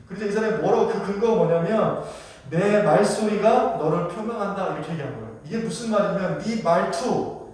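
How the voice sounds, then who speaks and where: A man's voice: high voice, brisk, darkish tone. A male pastor preaching a sermon who keeps putting questions to the congregation. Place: church sanctuary. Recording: echoey church hall from far off.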